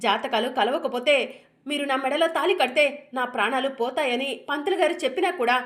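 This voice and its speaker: A woman's voice: high-pitched, a little fast, a bit bright. A bitter, accusing young wife, read by a woman. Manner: reproachful questions ending in "sir".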